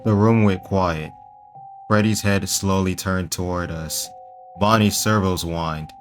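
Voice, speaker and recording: A man telling a first-person horror story in a hushed, suspenseful voice with dramatic pauses. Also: sits low, fairly even intonation, faint music behind. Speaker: storyteller and voice actor.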